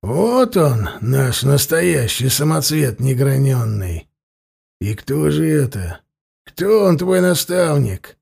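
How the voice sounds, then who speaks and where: This audiobook has a man, heavily acted, as a grim warrior interrogating a captive. His delivery is cold, quiet, low-keyed and even, with slow, deliberate words, and a dark, gravelly edge makes the calm feel threatening.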